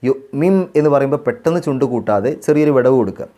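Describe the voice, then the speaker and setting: A male Quran teacher from Kerala. He chants verses slowly and melodically, then explains recitation rules calmly step by step, repeating phrases to model the pronunciation. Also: mid-range voice. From Kerala, India. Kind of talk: tajweed recitation lesson.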